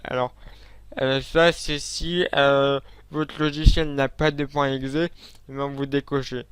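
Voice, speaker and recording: A man hosting a screen-recorded software tutorial, casual and hesitant, with many fillers and restarts as he talks straight to viewers. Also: fairly high pitch, clear, resonant tone, no room sound.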